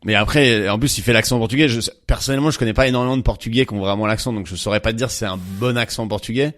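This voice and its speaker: Low-ish guy cohosting a chill podcast, rambly, lots of "euh" and restarts. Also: rapid-fire, fairly bright tone. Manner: rambling, hesitant with many fillers and restarts. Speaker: podcast co-host. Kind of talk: casual chat.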